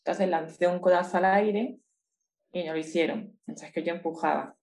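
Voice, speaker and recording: A woman with a Spain Spanish accent tells a personal story to an interviewer. Her voice sits a little low, and her telling is intense and emotional, close to the surface throughout. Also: steady tone, moderate pace, creaky, a little mellow. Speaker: interview guest.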